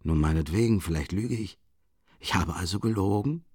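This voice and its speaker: A man voicing a cynical, mocking gentleman villain with smooth irony in an audiobook reading. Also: low-pitched, expressive, moderate pace, no room sound, clean studio sound. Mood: sneering.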